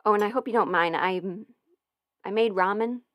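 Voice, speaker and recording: Streaming live from her home, where she's alone, an audio performer chats casually and mutters to herself while tinkering with settings. She speaks at a moderate pace with a medium-pitched voice. The studio mic, run through an audio interface, picks up no room sound.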